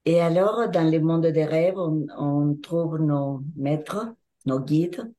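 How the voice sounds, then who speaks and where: An older woman with a Mexican Spanish accent speaks slowly in a warm, mellow voice, set a little low. She explains her ideas to an interviewer in careful French that is not her first language, pausing to find words. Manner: thoughtful, searching for words in French. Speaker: hypnotherapist and trainer. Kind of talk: interview answers.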